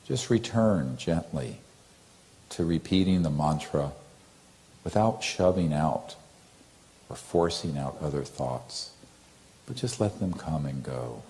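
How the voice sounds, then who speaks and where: A man leading a guided meditation, speaking softly and gently with long pauses and chanting a mantra in a drawn-out tone. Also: rumbling low, expressive, slight background noise.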